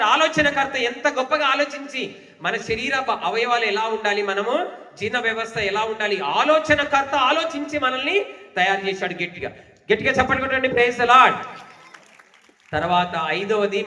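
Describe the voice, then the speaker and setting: A man's voice: very high voice, pushed and bright. A man preaching a sermon as pastor, asking the congregation questions and urging them to clap. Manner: rhetorical questions, urging claps. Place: church hall. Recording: echoey hall, distant mic.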